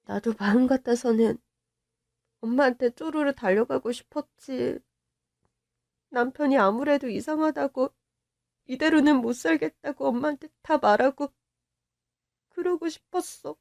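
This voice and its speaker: A hurt, subdued young wife, played by a woman in a radio-drama story, confiding to her mother in a quiet, resigned telling. Her voice sits high, and the recording is dry and close. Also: a little slow, vocal fry, long pauses, no room sound. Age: young adult.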